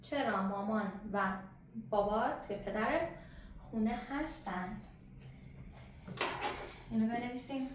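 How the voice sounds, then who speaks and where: High-voiced woman teaching in an echoey room. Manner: explains slowly, stretching out example sentences; checks in with "okay?" and asks questions back. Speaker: English teacher. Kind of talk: beginner grammar lesson. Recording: very echoey room, faint hiss.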